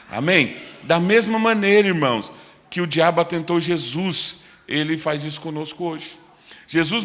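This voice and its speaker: Male preacher with a Brazilian accent, higher-pitched, fervent, in a church hall with long reverb. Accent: Brazilian Portuguese. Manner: fervent, swings from loud declarations to low quiet asides. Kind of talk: sermon.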